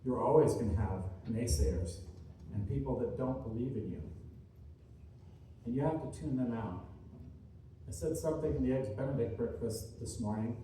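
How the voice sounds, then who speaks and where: Speaking to a seminar crowd in a large indoor room, a male author and motivational speaker delivers an inspirational talk with a warm, medium-pitched voice. He is earnest and deliberate, hammering home short, repeated phrases. Echo and faint noise come through the distant mic.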